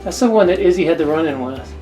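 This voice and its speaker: Low-voiced chatty woman cooking at home. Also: expressive, fast, music in the background. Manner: rambling, chatty storytelling. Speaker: cooking channel host. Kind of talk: casual chat while cooking. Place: home kitchen.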